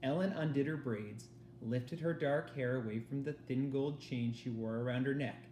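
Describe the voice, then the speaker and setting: A man reads a storybook aloud the way a teacher would for students, his voice medium-pitched, moderately paced and dark in tone. The room is echoey, with faint noise in the recording.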